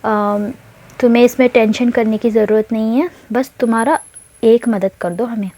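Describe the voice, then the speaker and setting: Woman doing a calm, instructive alien mother. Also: a little high, no room sound. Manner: measured, explaining step by step.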